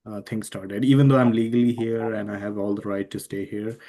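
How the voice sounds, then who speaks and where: A man hosting an interview who asks questions in a hesitant, halting way. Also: lowish voice, level tone, warm tone. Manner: hesitant, halting phrasing with many "uh"s. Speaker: podcast host and interviewer.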